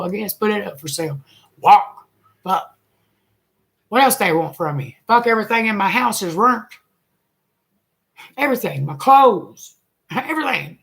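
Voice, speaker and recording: A woman, a single mother venting in a blunt, emotional rant full of swearing and bitter laughs. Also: lowish voice. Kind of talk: angry personal rant.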